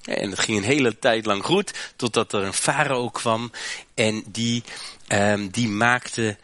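A man from Western Europe preaching a sermon, often restarting and tagging phrases with a quick "hè". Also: fairly low pitch, fairly bright tone, no room sound. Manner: preaching with frequent "hè" and repeated restarts. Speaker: pastor.

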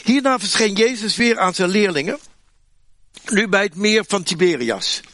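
A man preaching a sermon in a chatty, humorous way, with asides to the listeners, animated and with many restarts. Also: sits high, moderate pace, no room sound. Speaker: pastor.

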